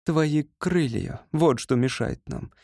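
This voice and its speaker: A man's voice: fairly high pitch, animated, takes it slowly, creaky, darkish tone, no echo, clean studio sound, pitched above the performer's own voice, full character voice. A man voicing a young woman who pleads emotionally with her beloved in an audiobook reading. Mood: pleading.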